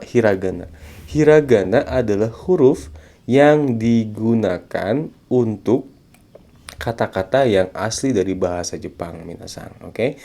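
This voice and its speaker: A man giving a casual video language lesson, chatty and friendly, slowing down to spell out sounds syllable by syllable. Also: fairly low pitch, mellow. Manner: chatty, repeats a friendly term of address, slows down to spell out sounds. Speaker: Japanese language teacher.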